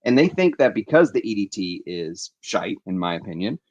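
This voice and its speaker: A man with a fairly low voice hosts a casual livestream from home. He talks in an enthusiastic, chatty way and answers viewer comments as they come in. The headset audio sounds a little dull. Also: very animated, normal speed, darkish tone. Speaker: fragrance livestream host.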